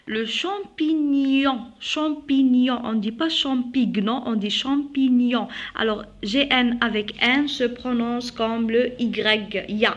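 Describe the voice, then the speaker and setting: A woman leads a phonics lesson in a rather high voice. She stretches words out very slowly and repeats them for pupils to follow. The recording is muffled and lo-fi. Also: fairly bright tone. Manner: slow, drawn-out modeling of words, repeated twice. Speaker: primary school teacher. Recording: dull lo-fi video audio.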